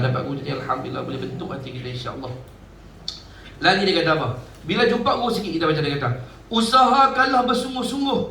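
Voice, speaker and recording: High, bright-voiced preacher. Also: male voice, slight background noise. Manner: animated storytelling, acts out quoted voices. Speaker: religious teacher. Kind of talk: sermon. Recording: echoey room, distant mic, faint ambience.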